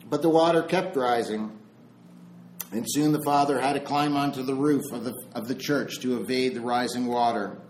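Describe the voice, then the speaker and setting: A man giving a slow, deliberate spiritual talk, pausing between phrases and telling a parable. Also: medium pitch, slight background noise. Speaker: spiritual speaker. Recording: roomy echo.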